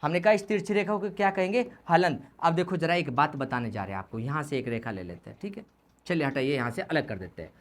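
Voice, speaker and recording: Here a deep-voiced woman explains Hindi grammar to a class, quick and animated. She keeps returning to the main points and answers the very questions she raises.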